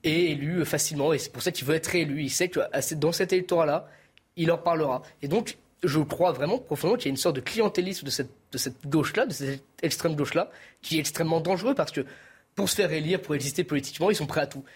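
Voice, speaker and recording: Male TV panelist, quick and husky, emphatic. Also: on the high side. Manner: insistent, emphatic. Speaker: panel guest. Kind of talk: TV debate argument.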